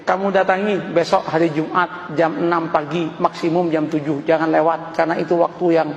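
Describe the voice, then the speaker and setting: A man voicing an elderly male village Islamic teacher who gives gentle, fatherly advice. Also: a little high, level tone, brisk, creaky, slight background noise, pitched below the performer's own voice. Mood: advising. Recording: roomy hall, dull lo-fi sound.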